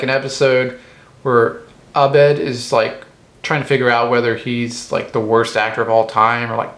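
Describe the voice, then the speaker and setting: A man giving an angry, profane comedic movie review. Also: fairly high pitch. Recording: roomy echo.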